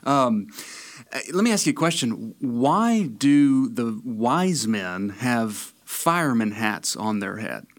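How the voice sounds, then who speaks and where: A man's voice: medium pitch, sing-song, normal speed, pauses often, a bit bright. A man voicing a polite, sly restaurant customer with a Tennessee accent, hesitant and overly courteous.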